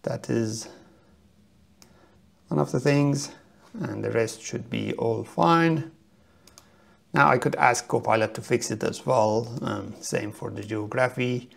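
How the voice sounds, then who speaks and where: A middle-aged man giving a methodical screen-share software tutorial from a small room, explaining step by step with frequent fillers. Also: medium pitch, slow pace, gravelly, long pauses. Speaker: software trainer.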